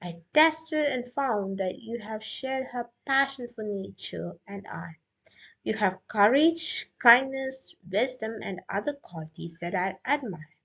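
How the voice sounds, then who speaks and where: A scheming old witch from a children's storybook speaks in a measured, coolly superior tone , read by a woman. Her voice sits fairly high and moves very slowly. The recording is dull and lo-fi. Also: animated, creaky, fairly bright tone, husky, full character voice. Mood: sly, pleased. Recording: dull lo-fi audio.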